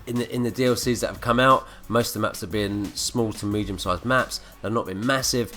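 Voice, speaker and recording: A man's voice: on the low side, fairly even intonation, fairly quick, bright, forceful tone. A man with a blocked nose from a cold, ranting and swearing through gameplay commentary. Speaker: gaming commentator. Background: faint background music.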